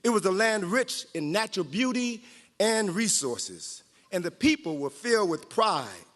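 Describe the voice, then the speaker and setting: A guest storyteller, an author and historian, reads a story aloud to a live group in a large, reverberant hall at a training event. His high, sing-song voice is unhurried and fairly bright, and his delivery is playful and dramatic with joking asides.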